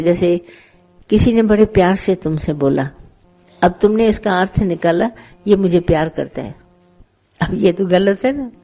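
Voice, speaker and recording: A middle-aged woman gives a devotional satsang discourse in a warm, mellow voice. She speaks conversationally to a seated group, tells parables and acts out the quotes in them. Her pitch sits at an ordinary middle height for a woman. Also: low-quality recording. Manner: conversational, tells parables with acted quotes, mixes English words. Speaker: spiritual teacher leading satsang.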